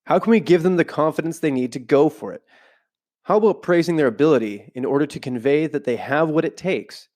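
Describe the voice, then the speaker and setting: This podcast host's voice is a bit high and darkish, and he talks fairly quickly and expressively. Stuffed up with a cold, he reads from a book at home, not in a studio, pausing now and then for relaxed, loose commentary.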